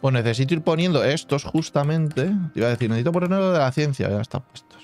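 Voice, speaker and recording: A man's voice: a little high, lively intonation, fast, darkish tone, faint music behind. Chatty man narrating his gameplay. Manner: chatty, thinks aloud, hums and makes sound effects. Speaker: gaming channel host. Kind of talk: casual let's-play commentary.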